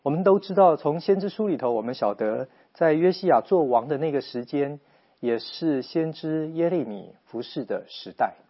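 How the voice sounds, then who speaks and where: A man giving an earnest, measured Bible teaching talk with rhetorical questions, on a slightly dull, lo-fi recording. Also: fairly high pitch, lively intonation, slightly rough. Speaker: preacher.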